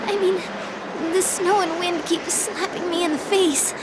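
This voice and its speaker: A woman voicing a shy, gentle teenage schoolgirl in a video game, speaking softly and earnestly. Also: extremely high pitch, steady tone, a little slow, very noisy. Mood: anxious. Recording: game audio with background music.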